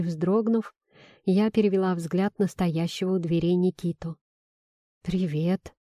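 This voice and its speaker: Woman reading a love story aloud, calm even narration, mellow dark tone, dry close sound. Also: medium pitch, no room sound. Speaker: audiobook narrator. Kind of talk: first-person romance audiobook narration.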